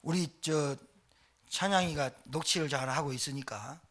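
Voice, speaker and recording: A male pastor preaching a sermon in a church, talking fast with lively, exclamatory delivery. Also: on the high side. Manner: fast-talking, admits speaking too quickly.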